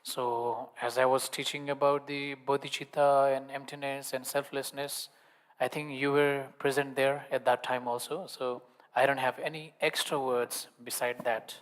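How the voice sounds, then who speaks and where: Guy doing live translation of a teaching, halting non-native english, pretty monotone, big echoey hall. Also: medium pitch. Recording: long hall reverb.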